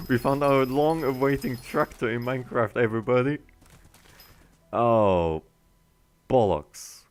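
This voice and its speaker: A young man streaming gameplay comments on it casually in a medium-pitched voice, rambling and often restarting his sentences.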